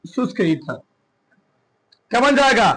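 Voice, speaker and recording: A man teaching a class, firing short questions at his students one after another. His voice sits very high and rings bright and forceful. He drills the class in a lively, commanding way. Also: rough recording. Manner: quizzing students with rapid questions. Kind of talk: classroom chemistry lesson.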